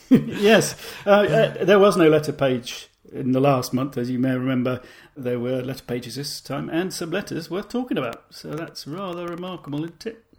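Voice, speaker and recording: A man's voice: on the high side, moderate pace, darkish tone. A man co-hosting a casual podcast, reading listener letters aloud with dry, jokey asides. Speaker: podcast co-host.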